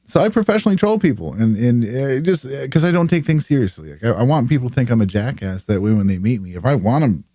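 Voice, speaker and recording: Man with animated pitch, blunt podcast chat. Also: quick pace, hardly any pauses, no echo, studio quality. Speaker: podcast guest. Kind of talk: casual, profane podcast chat.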